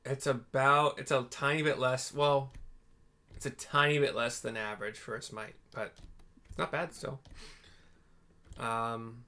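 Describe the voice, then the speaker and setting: Man game master, middling pitch. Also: fairly even intonation, unhurried, pauses often, sharp tone. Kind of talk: casual tabletop game narration.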